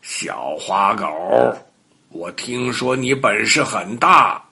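A man voicing a big storybook lion who speaks with a slow, drawn-out, teasing threat. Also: on the low side, lively intonation, creaky, sharp tone, husky, voice pushed down, full character voice. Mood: mock menacing. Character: big lion (a horse in disguise), mock-menacing.

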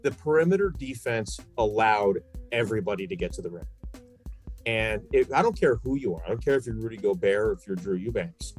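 A man appearing as a podcast guest talks basketball like a sports commentator, animatedly and fairly quickly in a lowish voice, giving emphatic opinions and repeating phrases for stress. Faint music plays behind him.

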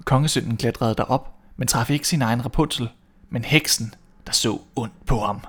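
Calm male fairy-tale storyteller. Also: medium pitch, husky. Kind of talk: reading a fairy tale aloud.

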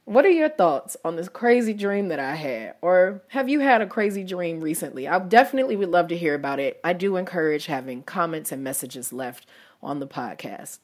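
A woman's voice: on the low side, expressive, moderate pace. A woman, hosting a solo podcast in a chatty, self-mocking way. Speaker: podcast host.

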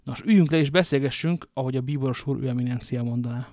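A man voicing a cold, grim nobleman in a storybook reading, speaking low and measured. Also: a little mellow, dry recording, studio quality, natural voice.

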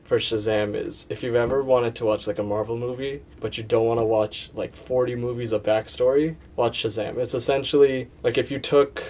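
A man's voice: medium pitch, steady tone, moderate pace, hardly any pauses, a little mellow, slight background noise. A young man hosting a movie podcast, talking casually and playfully with lots of fillers and restarts. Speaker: podcast host. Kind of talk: casual chat.

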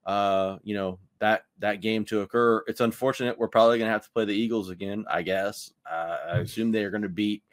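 A man's voice: on the low side, fairly even intonation, fairly quick, few pauses, no echo, clean studio sound. A man co-hosting a casual sports podcast, rambling and ranting with heavy use of "like". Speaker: podcast co-host.

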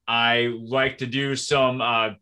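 A man's voice: mid-range voice, flat delivery, takes it slowly, pushed and bright, smooth. A man in his forties from Minnesota, a podcast guest telling his story in casual conversation, chatty and self-deprecating.

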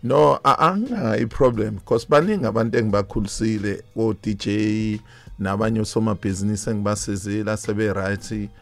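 A man's voice: lowish voice, fairly quick, gravelly. A South African man with a Zulu accent, speaking casually as an interview guest and switching between languages. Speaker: interview guest, lounge owner.

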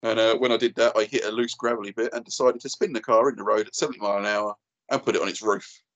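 Fast-talking Essex man in his thirties. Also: fairly low pitch, fairly even intonation, fairly bright tone, lo-fi sound. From Essex, England. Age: 30s. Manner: blokey, informal, slangy. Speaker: podcast guest and YouTuber. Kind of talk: casual chat, telling an anecdote.

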